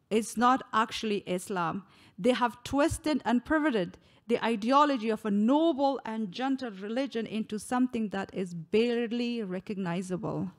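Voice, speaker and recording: A young woman from Afghanistan giving a read keynote speech into a stand microphone, earnest, with frequent small restarts. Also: a little high. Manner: earnest, reading from notes with restarts. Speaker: keynote speaker. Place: indoor room. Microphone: stand mic close to mouth.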